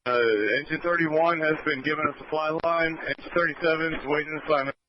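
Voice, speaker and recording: A man's voice: on the high side, flat delivery, fairly quick. A man reporting as an engine firefighter over the radio in brief, procedural phrases. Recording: noisy muffled two-way radio.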